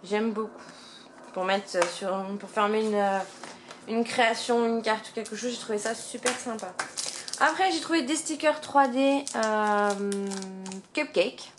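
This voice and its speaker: A woman's voice: fairly high pitch, unhurried, background noise. A woman vlogging casually about her craft purchases, chatty and hesitant, with frequent filler sounds. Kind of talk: casual haul chat to camera.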